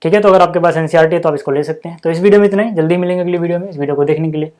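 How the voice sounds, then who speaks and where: A man's voice: a little high, very fast, darkish tone. A man teaching a school maths lesson in a casual, chatty way, checking in with the class after every step and calling viewers "yaar" and "bhai sahab".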